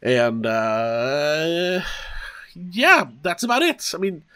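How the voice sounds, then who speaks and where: A man with a head cold, slightly wheezy, talks casually and haltingly as a podcast host, repeating words and drifting into asides. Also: on the high side, very animated, bright, forceful tone, clean tone. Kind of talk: casual conversational podcast talk.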